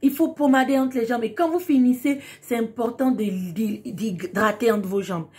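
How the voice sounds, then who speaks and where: A woman's voice: on the high side, normal speed, darkish tone. A woman hosting a casual beauty tutorial, talking emphatically and repeating key words for stress. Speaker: beauty tips host.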